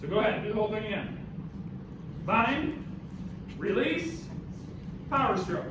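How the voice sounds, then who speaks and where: This high-voiced American man speaks a little slowly and very animatedly as he lectures university students informally, quizzing them and telling them what to do. It's a live demonstration in an indoor classroom. The sound is echoey and noisy, with the mic far away.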